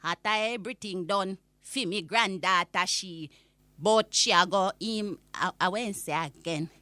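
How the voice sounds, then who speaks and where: A woman playing an exasperated old Jamaican granny, telling a comic rant with indignant, drawn-out emphasis. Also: medium pitch, sharp tone, dry recording. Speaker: storyteller.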